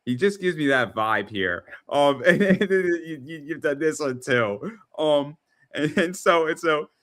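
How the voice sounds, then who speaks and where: A man in his thirties hosting a casual interview, who often repeats words in quick, excited bursts. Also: fairly high pitch. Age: 30s. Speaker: host.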